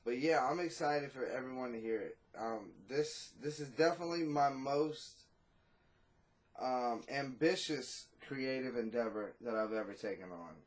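On a video call from a small home room, a rapper in his thirties answers interview questions casually and bluntly, swearing freely in a laid-back way. His pitch is medium and his pace moderate.

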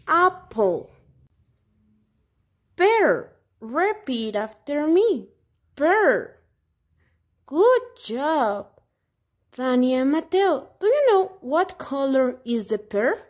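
A woman's voice: high-pitched, exaggerated voice. A woman voicing a cheerful little puppet dog, teaching toddlers simple words with encouraging repetition, as in a children's lesson. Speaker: preschool English teacher.

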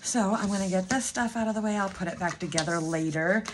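At a medium pitch and a fast clip, a woman in her thirties chats to camera for her budgeting vlog from home, with a faint hiss or hum underneath. She's losing her voice and keeps rambling, restarting and saying um.

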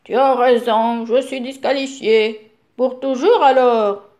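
A woman's voice: a little high, takes it slowly, darkish tone, muffled recording. A woman voicing a tired, reluctant father playing football with his son, with exaggerated playful cries. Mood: sheepish.

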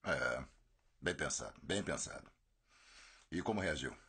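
An actor playing a wealthy elderly father in a dubbed telenovela, speaking in a measured, dryly ironic way. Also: a bass voice, lively intonation, bright, forceful tone, breathy edge, heavily acted. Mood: scheming. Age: older.

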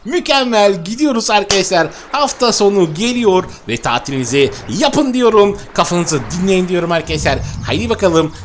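A young man hosting his own gaming channel, giving exuberant, excited commentary on a mobile game and repeating his phrases with delight. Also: sits high, a little hiss or hum.

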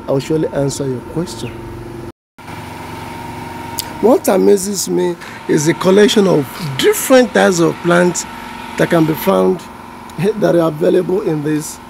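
This is a casual outdoor walk-through by a vlogger, a Nigerian man whose native tongue is Yoruba, showing the weeds in his backyard. He takes his time, sounding out plant names with a self-deprecating tone, in a high, gravelly voice. He films off-screen on a handheld phone while a generator drones behind the audio.

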